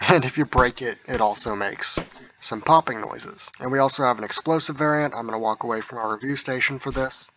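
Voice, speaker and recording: Bright-voiced man on a low-quality stream. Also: fairly quick, slight background noise. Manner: relaxed, rambling, with frequent ums and hedges. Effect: low-quality audio capture. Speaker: mod review video host. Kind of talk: casual gameplay walkthrough.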